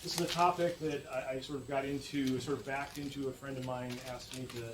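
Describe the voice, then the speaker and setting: A man giving a public university lecture to an audience, halting with many fillers and restarts. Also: mid-range voice, little pitch movement. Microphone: room mic far from speaker. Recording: distant mic, faint room noise.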